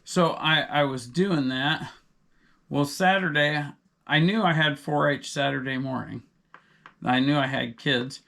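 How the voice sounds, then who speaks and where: A man's voice: fairly high pitch, unhurried, creaky, pushed and bright. A middle-aged man, co-hosting a podcast in casual chat and wandering off into long, digressive stories. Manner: rambling, digressive storyteller. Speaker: podcast co-host.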